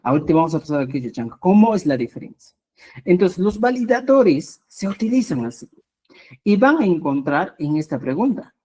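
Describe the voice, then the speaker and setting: A woman teaching a live online language class, explaining slowly and repeating herself, with a constant "¿ya?" to check her students follow. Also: fairly low pitch, very animated, warm tone, breathy edge. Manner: slow, repetitive explanations with rising emphasis.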